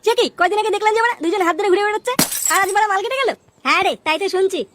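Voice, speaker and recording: Brief: very high-pitched woman, rapid crude slangy cartoon banter, noisy recording. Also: fairly bright tone. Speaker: voice of several cartoon boys. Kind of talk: crude comic cartoon dub.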